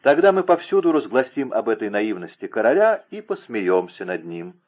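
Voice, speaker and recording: Мужчина-чтец озвучивает холодного, язвительного короля с низким голосом. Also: male voice, on the low side, sing-song, normal speed. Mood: cold, mocking. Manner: cold, sarcastic. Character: cold, mocking young king. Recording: narrow phone-like lo-fi sound.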